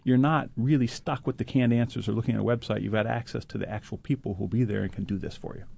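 Quick, gravelly male interview guest. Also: medium pitch, steady tone, a little mellow, lo-fi sound, slight background noise. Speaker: guest, conference organizer or publisher. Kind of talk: radio interview conversation.

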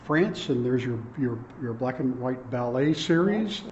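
A man's voice: medium pitch, lively intonation, measured pace, darkish tone. Easygoing male reporter, lo-fi with noise. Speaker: interviewer, reporter. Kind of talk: casual interview and narration. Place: large old building studio. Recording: dull lo-fi sound with clear background noise.

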